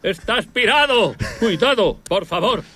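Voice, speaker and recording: A panicked young hostage in a video game, high and wildly swinging voice yelping in a speeding car. The game audio carries a hiss of noise. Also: male voice, lively intonation, unhurried. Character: terrified young man held in a speeding car. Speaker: game character.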